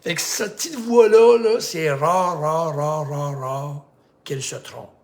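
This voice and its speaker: Quebecois life coach guy, kinda high voice, rambly and repetitive pep talk. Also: slow. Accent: Québécois French. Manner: rambling, repetitive, acts out dialogue. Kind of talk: casual motivational monologue.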